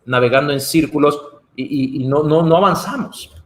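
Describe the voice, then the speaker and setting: Appearing as a guest on a video call, a Guatemalan man with a Guatemalan Spanish accent chats casually and mimics the voices of people he quotes. His voice sits on the high side at a normal speed, with slight background noise.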